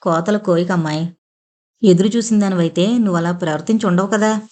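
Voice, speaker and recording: A woman voicing an affectionate, teasing young husband in a storybook reading, with gentle, playful questions. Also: on the low side, fairly quick, lightly acted. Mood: tender.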